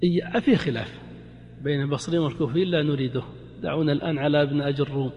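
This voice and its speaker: High male teacher voice, patient explainer who drills his class, recorded in a reverberant lecture hall. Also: racing, darkish tone, slight background noise. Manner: quizzes students with short prompts, then explains patiently. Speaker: Islamic grammar teacher. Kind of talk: interactive classroom lesson.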